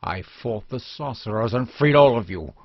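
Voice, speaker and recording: A man reads dramatic dialogue from a fantasy audiobook, voicing a proud, steadfast immigrant husband defending his home in a grave, restrained, dignified and defiant way. His mid-range voice is expressive and lightly acted, at a moderate pace with no echo, on a dull lo-fi recording.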